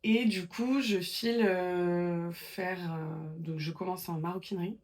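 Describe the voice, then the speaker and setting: Une femme qui raconte son parcours en interview, sur un ton de conversation détendue, avec beaucoup d'hésitations et de reprises. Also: female voice, lowish voice, steady tone, a little slow, darkish tone. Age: 20s. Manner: chatty storytelling, many fillers and restarts. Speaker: guest. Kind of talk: casual interview chat.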